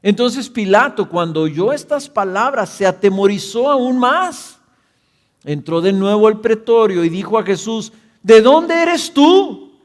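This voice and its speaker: A man's voice: high-pitched, lively intonation, a little slow. A man, a pastor, reading scripture aloud in an earnest, emphatic way.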